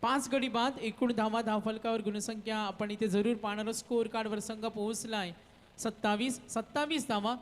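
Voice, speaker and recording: A man's voice: sits high, steady tone, moderate pace, a little hiss or hum. A man giving live cricket commentary and calling out the score. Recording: long reverb, like a PA system.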